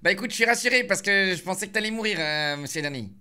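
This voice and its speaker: Bright-voiced man playing it mock-polite. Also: high-pitched, lively intonation, fast, clean tone. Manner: polite, mock-formal, teasing. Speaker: streamer playing a roleplay character. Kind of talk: roleplay phone calls.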